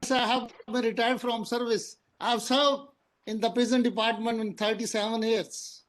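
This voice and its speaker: A man's voice: very high-pitched, level tone, normal speed. Older pakistani guy on a video call, polite and formal, retired officer. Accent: Pakistani English. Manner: formal and courteous. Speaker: retired prison officer guest. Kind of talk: polite conversation.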